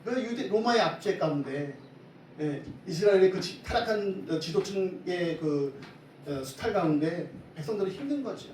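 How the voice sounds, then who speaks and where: A man preaching a lively Sunday sermon from the pulpit. His voice sits high and rings through a big echoing church. He is picked up from a distance over a faint hiss. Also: moderate pace. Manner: lively preaching, asks the congregation questions. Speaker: pastor. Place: church sanctuary. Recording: echoey hall from far off, faint hiss.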